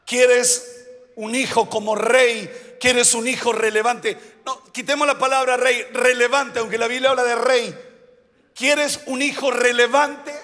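A male pastor preaching a sermon, asking the congregation questions and shouting out the key words. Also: extremely high pitch, little pitch movement, unhurried, big-room sound.

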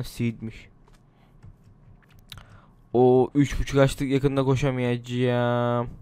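A man with a mid-range, smooth, darkish voice hosts a gaming channel. He's a little under the weather, chatting casually and rambling to himself as he plays a survival game, offering easygoing gameplay commentary.

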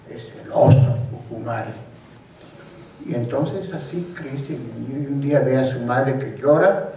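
An older man from Peru with a Peruvian Spanish accent, a painter retelling a folk myth in a wry, storytelling way, with halting restarts. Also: mid-range voice, creaky, dark tone. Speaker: painter speaking at a tribute. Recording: echoey hall from far off, faint noise.

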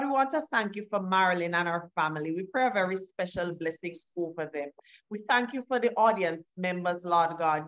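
A middle-aged woman hosting a programme, speaking in a formal, measured and devout way. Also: medium pitch, fairly bright tone. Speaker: talk show host. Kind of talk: scripted presenting and prayer. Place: furnished living room indoors. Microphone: video call. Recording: dull video call audio.

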